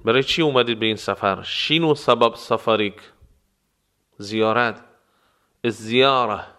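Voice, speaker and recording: A man teaching travel phrases, explaining words and repeating them slowly for practice. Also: on the low side, a bit bright, clean tone. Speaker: language teacher. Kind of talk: phrase lesson with slow repetitions.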